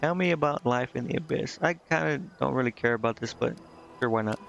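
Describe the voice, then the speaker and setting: Talking a little fast with vocal fry, this man has a mid-range, fairly bright voice. He is streaming a game, chatting casually and stumbling hesitantly through dialogue read aloud. The recording is slightly muffled, with game music in the background.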